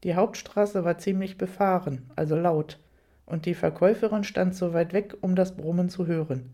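A woman narrating a first-person audiobook story at an even storytelling pace, with light, amused touches. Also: fairly low pitch, normal speed.

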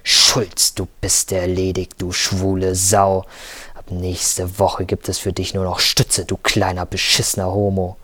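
A man voicing a choleric, sweaty male bank manager in his fifties, who bellows and hisses hoarsely in an audiobook. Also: low voice, fairly even intonation, normal speed, no echo. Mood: hissing. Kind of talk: audiobook character voice.

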